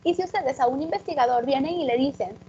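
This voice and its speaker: A woman's voice: sits high, quick pace, mellow, muffled recording, a little hiss or hum. A woman, an English teacher giving a public talk and explaining things directly to her audience.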